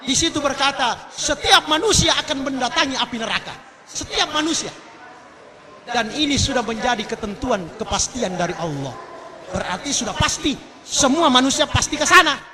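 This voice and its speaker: Male preacher, very high voice, fervent sermon with a crowd heard behind. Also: lively intonation, normal speed. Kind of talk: sermon at a mass religious gathering. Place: large public gathering.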